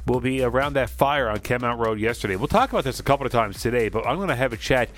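A man's voice: mid-range voice, quick pace, fairly bright tone, faint music behind. A man hosting a morning radio show in an informal, conversational way.

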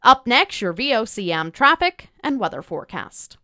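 A woman's voice: a little high, big pitch swings, moderate pace, pushed and bright, dry recording, clean studio sound. A woman announcer reading scripted news and weather forecasts on the radio.

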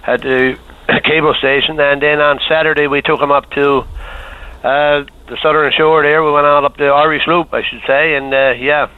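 Radio caller on a phone line. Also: male voice, fairly high pitch, flat delivery, normal speed, smooth, dry recording. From Newfoundland. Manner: folksy, enthusiastic, repeats phrases. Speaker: radio show caller, town councillor. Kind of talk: casual call-in chat.

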